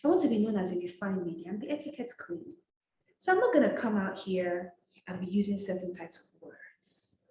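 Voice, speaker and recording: A Nigerian woman, an etiquette coach, delivers a motivational masterclass in a direct, emphatic, scolding manner. Her mid-range voice is brisk and lively in intonation, a little mellow, recorded with roomy echo and slight background noise.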